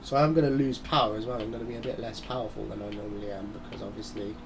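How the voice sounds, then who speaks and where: Over background noise, a man with a lowish, level voice talks fast as he plays a racing game. He's a gaming channel host giving rambling, chatty commentary with muttered asides, his nose blocked by a head cold so he breathes through his mouth.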